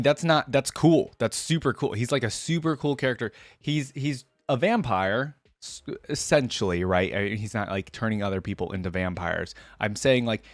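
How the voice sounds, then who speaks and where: A man with a fairly low voice hosts a reaction video, recorded with no echo. He switches between reading text aloud and informal, rambling commentary, thinking out loud as he goes.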